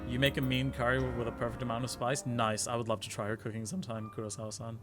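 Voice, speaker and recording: A man's voice: mid-range voice, little pitch movement, fast. A young man hosting a game stream with casual, joking, theatrical commentary. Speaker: streamer, host. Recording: game music playing behind.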